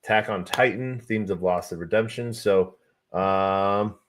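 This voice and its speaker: A man hosting a livestream, thinking aloud in a slow, halting way while testing AI tools. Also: lowish voice, slight background noise. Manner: slow, halting, trailing off with fillers. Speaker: livestream host.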